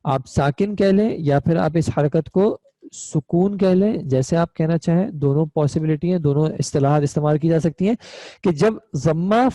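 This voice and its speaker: Man, online grammar teacher, patient, checks understanding, mellow tone, dry close sound. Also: fairly high pitch, no room sound. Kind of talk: explanatory lesson.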